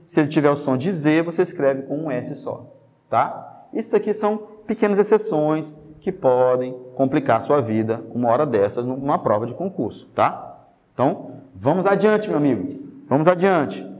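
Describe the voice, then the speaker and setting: A Brazilian man with a slightly high voice teaches a spelling lesson in a lively, joking way. He keeps checking in with the class through quick tag questions. A long reverb trails each phrase. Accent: Brazilian Portuguese.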